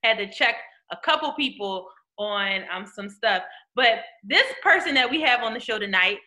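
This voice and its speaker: Bright, higher-voiced female talk show host. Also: animated, moderate pace. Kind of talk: casual chat.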